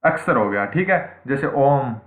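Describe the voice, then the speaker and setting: A man's voice: medium pitch, animated, unhurried, a bit bright. A man teaching Hindi grammar in an online exam-prep class, who keeps asking questions and answering them himself and checks in with "theek hai" after nearly every point. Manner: repeats points, asks and answers own questions. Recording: echoey room, tinny phone-like sound.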